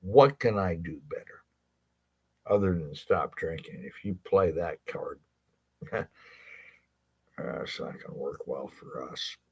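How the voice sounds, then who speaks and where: A man's voice: sits low, lively intonation, slow, vocal fry, pauses often, a little mellow, slightly rough. A man, a legal rights advocate, speaking directly to his viewers in a blunt, impassioned monologue, swearing freely and asking rhetorical questions.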